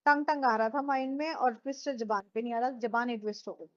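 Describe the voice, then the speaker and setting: A woman's voice: a little high, fairly even intonation, fast talker, dull audio. A woman who speaks Hindi as her first language, teaching a classroom lecture and often quizzing her students with repeated questions.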